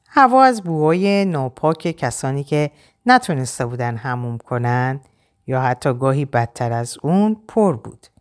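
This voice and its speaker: Woman reading an audiobook, low voice but really lively, dramatic delivery. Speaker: audiobook narrator. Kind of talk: audiobook narration.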